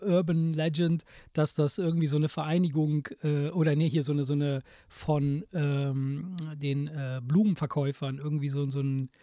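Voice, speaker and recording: A middle-aged man bantering with a friend, teasing and laughing easily. His voice sits a bit high and he hesitates with many fillers. The recording is close and dry. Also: steady tone, normal speed, few pauses, dark tone, no echo. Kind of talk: casual chat.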